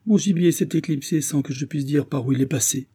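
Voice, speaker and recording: A long-suffering male valet complains in a plaintive, deferential way in an audiobook, voiced by a male reader. The pitch rides above the reader's usual low tone. It stays dark and husky. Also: brisk.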